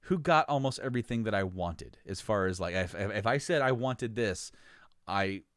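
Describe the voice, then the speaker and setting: A man co-hosting a podcast, telling stories about his father in a casual, animated way and often laughing. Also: normal speed, dry recording, studio quality. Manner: animated, laughs often, reenacts quotes in a high voice. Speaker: podcast co-host. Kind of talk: casual storytelling chat.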